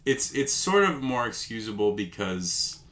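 A man's voice: fairly low pitch, very animated, a little slow, fairly bright tone. A man co-hosting a casual movie discussion, rambling with lots of "like" and "um". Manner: rambling, many fillers like "like" and "um". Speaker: podcast co-host.

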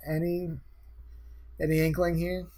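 A man from the Northeast US hosting a casual podcast trivia game, chatty and quick to laugh. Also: fairly high pitch, completely flat delivery, dark tone. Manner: chatty, laughing, quotes lines in slow put-on voices. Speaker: trivia host.

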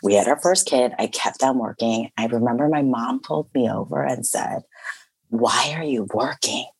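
A woman's voice: rumbling low, fairly quick, creaky, darkish tone, husky, no echo. A woman from the Chicago area in casual conversation, talking reflectively in a chatty way with many fillers. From Chicago area, USA.

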